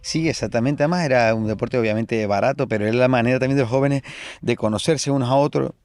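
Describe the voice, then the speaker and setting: A man with a Canarian Spanish accent, a podcast guest in relaxed conversation who reflects aloud and often repeats words while searching for them. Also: medium pitch, fast talker. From Canary Islands. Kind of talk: casual conversation.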